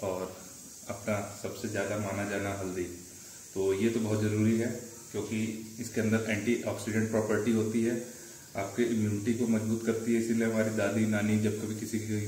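A young man with a lowish, somewhat dark voice cooks in a small home kitchen while chatting casually with viewers, calling them brother. He's a cooking vlogger, and the room sounds echoey with faint ambient noise.

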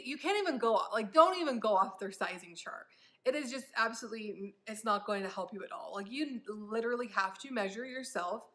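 Young woman, fairly high bright voice, casual upbeat haul chatter, ums. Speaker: vlogger. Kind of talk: casual try-on haul chat.

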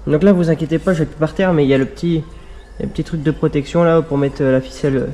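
A man's voice: a little high, fairly even intonation, fast talker, mellow. A man casually explaining a car repair to his viewers, chatty and full of fillers, talking outdoors while it rains. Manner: chatty, filler-heavy, addresses viewers directly. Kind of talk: casual how-to vlog talk.

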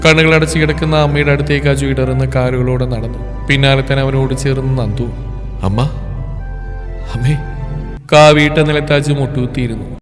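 Soft-spoken male story narrator, reverb. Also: mid-range voice, steady tone, brisk. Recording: long reverb with faint music.

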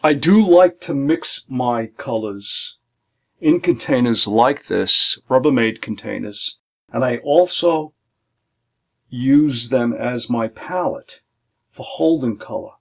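A middle-aged man with a gravelly, fry-edged voice explains his watercolor setup in an unhurried, methodical way. He lists paints and brushes one by one like a patient art teacher. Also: medium pitch. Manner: calm, methodical, listing supplies one by one. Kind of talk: instructional demonstration. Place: home art studio, indoors.

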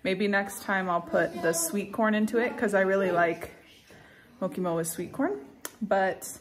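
A woman's voice: mid-range voice, a little slow, a crowd in the background. A woman vlogging casually at a home dinner table, chatting in a rambling way with lots of fillers. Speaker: cooking vlogger. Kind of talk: casual chat. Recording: clattering dishes at a family meal. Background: clinking dishes and cutlery.

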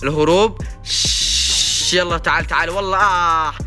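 A young man giving excitable, sing-song commentary while playing a mobile game, cheering and groaning as he goes. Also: fairly high pitch, normal speed, faint music behind. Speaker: gaming YouTuber. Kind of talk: gameplay commentary.

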